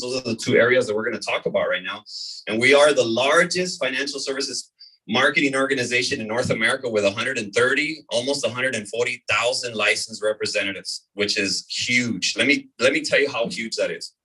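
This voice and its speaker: Energetic man pitching to a room. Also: brisk, breathy edge. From California desert, US. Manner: energetic, repeats points, asks "right?". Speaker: presenter at a business opportunity meeting. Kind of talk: live sales presentation to a room. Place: meeting room before an audience. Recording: voice from far off in a room.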